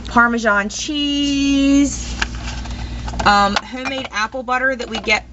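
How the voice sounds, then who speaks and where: Speaking slowly in a high-pitched voice, this young vlogger wanders through a casual home tour in her kitchen, saying um a lot and giving blunt opinions. It's captured as a dull, noisy lo-fi home video.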